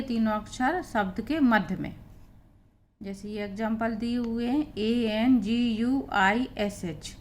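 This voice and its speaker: Hindi-accented lady teacher, kinda high voice, super slow, spells out letters n repeats words. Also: slight background noise. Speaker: English pronunciation teacher. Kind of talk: blackboard lesson explaining spelling rules.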